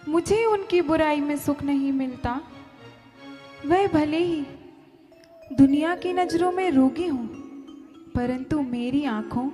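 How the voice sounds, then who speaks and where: Brief: woman acting serene dutiful princess, high voice, slow and humble. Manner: calm, humble, soothing. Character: gentle devoted young princess, dutiful daughter. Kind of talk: stage play dialogue. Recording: reverberant hall with background music.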